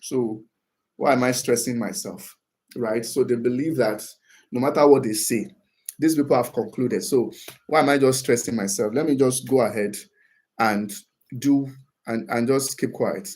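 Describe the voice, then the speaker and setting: A man's voice: medium pitch, normal speed, darkish tone. A man talking through how to disagree respectfully in a casual advice talk, often checking in with "right?" and acting out example phrases. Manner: acts out example phrases in a livelier tone. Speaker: speaker on workplace communication.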